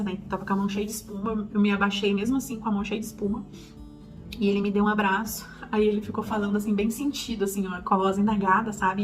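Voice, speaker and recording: Heartfelt mom chatting to camera. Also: female voice, mid-range voice, rough recording. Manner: heartfelt, confiding, calls the viewers "gente". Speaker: parenting vlogger. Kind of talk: casual chat to the camera.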